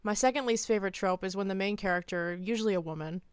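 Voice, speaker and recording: A woman video essayist reads scripted opinion commentary deadpan and fast, pressing firmly on key phrases. Her clean, smooth voice sits at a middle pitch for a woman, on a very dry recording with no room sound or echo.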